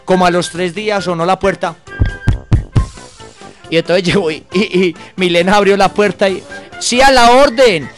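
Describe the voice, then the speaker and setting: A high-voiced man with a Colombian Paisa accent tells jokes on stage. He acts out each character as he goes, and faint music plays behind him. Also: normal speed, long pauses. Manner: animated storyteller, acts out voices. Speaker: comedian. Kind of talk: live joke-telling.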